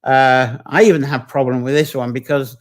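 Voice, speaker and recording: A man's voice: mid-range voice, steady tone, moderate pace. A man hosting a live online folklore session, talking in a chatty, digressive way and stopping to greet viewers and read their comments. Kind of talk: informal live-streamed folklore talk.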